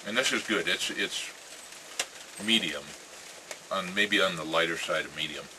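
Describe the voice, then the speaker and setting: An American man chatting casually in a rambling vlog, musing and halting, with phrases that trail off. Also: deep voice. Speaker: pipe-smoking vlogger. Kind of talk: casual rambling chat to camera. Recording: clear ambient noise with birdsong.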